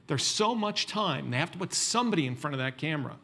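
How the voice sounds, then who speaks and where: Restarting, animated male panelist. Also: fairly high pitch, fast. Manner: thinking aloud with many restarts. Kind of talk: panel discussion answer.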